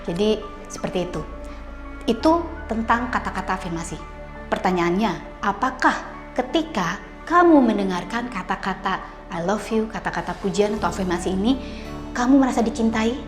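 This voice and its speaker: A woman's voice: mid-range voice, animated, normal speed, pauses often. A woman hosting a video, talking casually and directly to her viewers, often slipping English phrases into her explanations. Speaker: video host. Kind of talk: casual talk to camera explaining a topic. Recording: echoey room with long reverb and faint music.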